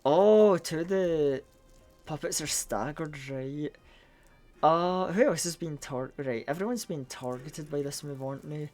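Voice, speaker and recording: A Scottish streamer talks through a game live in loose, casual chat. The voice sits at a middling pitch and runs excitable, with plenty of swearing. Words trip and repeat as the thoughts tumble out. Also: a little slow, faint music behind. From Scotland.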